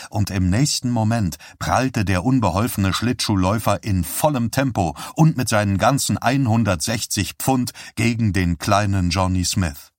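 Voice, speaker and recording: Low-voiced male audiobook narrator. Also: dry recording, clean studio sound. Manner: calm, measured reading. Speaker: audiobook reader. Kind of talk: scripted narration.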